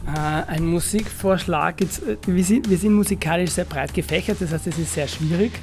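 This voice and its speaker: A bar owner answers interview questions loosely, trailing off and restarting as he thinks. His voice is a touch high, and music plays clearly in the background. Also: fast, darkish tone. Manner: hesitant, many fillers and restarts.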